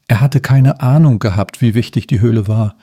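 A male storyteller reads a children's fairy tale in a calm, measured way. His voice is dark and mellow, at a middle pitch. The recording is dry and close, with no room echo. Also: husky.

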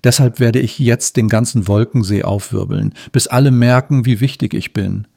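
A man's voice: medium pitch, fairly even intonation, moderate pace, vocal fry, darkish tone, no room sound, clean studio sound. A man voicing a moody, mighty male storm spirit with a grumbling, thundering manner. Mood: haughty.

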